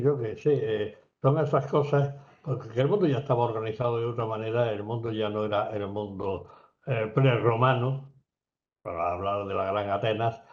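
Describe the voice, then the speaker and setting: A man's voice: fairly low pitch, a little mellow. A man talking about poetry in an academic conversation, hesitating often with fillers and restarts, now and then singing or reciting an example. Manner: lecturing, sings and recites examples. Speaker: poet in a seminar conversation. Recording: roomy and slightly dull recording.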